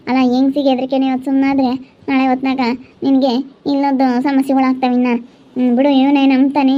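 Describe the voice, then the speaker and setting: A woman vlogger with a rural Chitradurga Kannada accent, talking in an insistent, urging and consoling way. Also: high voice. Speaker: vlogger host. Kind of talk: casual chat and channel sign-off. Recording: dull lo-fi recording.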